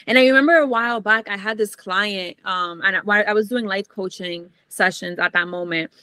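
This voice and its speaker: A woman guest on a podcast talking in a casual, animated and blunt way, swearing freely. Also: mid-range voice, moderate pace, clean tone, dry recording.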